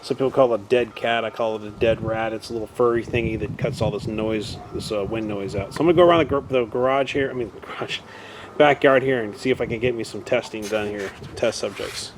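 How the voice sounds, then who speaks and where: A man's voice: on the low side, fast talker. A man casually vlogging outdoors in his backyard, thinking aloud and poking fun at himself while he tries out a camera and a shotgun mic. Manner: rambling, self-deprecating, thinking aloud. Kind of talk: casual unboxing and testing vlog. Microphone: camera mic, then shotgun mic with windscreen. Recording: noisy outdoor camera recording.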